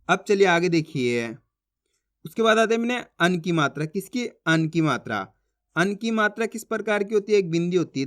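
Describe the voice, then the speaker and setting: A man's voice: high-pitched, fairly bright tone. A man teaching a basic reading lesson, patient, repeating each syllable and often checking whether the listener has understood.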